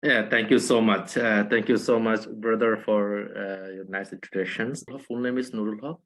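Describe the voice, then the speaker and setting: A Rohingya man from a Bangladesh refugee camp, speaking as a panelist in a halting way with many restarts. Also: lowish voice, steady tone, fairly bright tone. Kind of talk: online panel talk.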